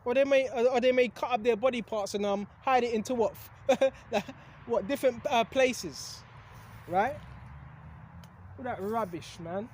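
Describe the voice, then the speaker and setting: A religious video host with a very high, darkish-toned voice delivers an unhurried, rambling, casual sermon to his audience. He asks rhetorical questions, keeps saying "right?", and hiccups now and then.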